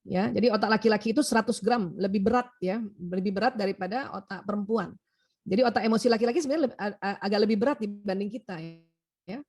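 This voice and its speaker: A middle-aged woman doctor giving a lively talk on emotions and family, animated and chatty, often tagging phrases with "ya" and acting out bits of dialogue. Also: medium pitch, fast talker. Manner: animated, acts out quoted dialogue, laughs often; frequent "ya" tag at phrase ends.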